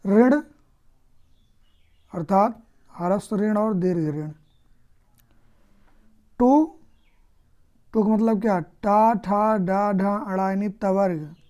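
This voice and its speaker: A woman teaching a grammar lesson who asks her own questions and then answers them, patient and unhurried. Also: medium pitch, fairly even intonation, darkish tone.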